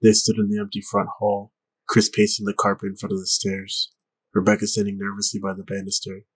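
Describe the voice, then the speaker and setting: Man narrator, low husky voice, steady ominous horror reading. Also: a little fast, dry recording. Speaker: audiobook narrator. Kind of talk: scripted narration.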